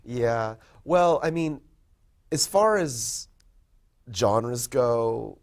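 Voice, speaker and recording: A man in his fifties, a poet and professor, talking in a casual interview, thoughtful and modest, pausing often with ums and restarts. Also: mid-range voice, lively intonation. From born in Korea, raised in California. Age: 50s. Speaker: poet and college professor, guest.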